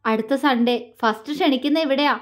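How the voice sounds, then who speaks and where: A woman voicing a calm young man who speaks softly and gently. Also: high-pitched, natural voice. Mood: gentle. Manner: soft, gentle, unhurried. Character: calm young man, soft-spoken groom-to-be.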